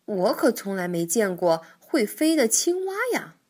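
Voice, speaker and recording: A woman voicing a cautious, sensible male rabbit in a children's storybook, calm and doubtful. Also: mid-range voice, unhurried. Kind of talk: storybook reading.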